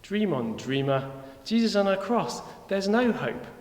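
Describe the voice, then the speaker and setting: An actor playing a weary, chatty Roman centurion in a comic monologue, talking in a rambling, wry way. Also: male voice, high voice, big pitch swings, unhurried. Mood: puzzled. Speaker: actor in church children's video. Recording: echoey hall with long reverb.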